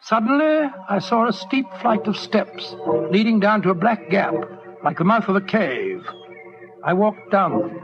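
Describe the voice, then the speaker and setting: A man's voice: sits high, sing-song, unhurried, over music, exaggerated voice. An actor playing a genial older British doctor, avuncular and wordy, recounting his adventures in a 1940s radio drama. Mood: grave, suspenseful. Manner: avuncular, wordy, old-fashioned diction. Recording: muffled, noisy 1940s radio recording.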